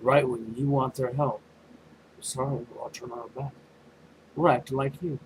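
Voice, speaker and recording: A man delivers a sarcastic, heated rant, firing off rhetorical questions and repeating himself. His voice sits at an ordinary middle pitch. A faint noise floor hums under the recording. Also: fairly even intonation, moderate pace, low-quality recording. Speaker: video commentator. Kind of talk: sarcastic ranting commentary.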